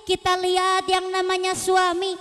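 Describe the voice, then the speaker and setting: A woman's voice: extremely high pitch, monotone, moderate pace, a bit bright. Woman preaching, funny singsong bits, faint music behind, big hall echo. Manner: comic, singsong repetitions. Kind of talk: lively duet sermon. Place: large hall at a religious event.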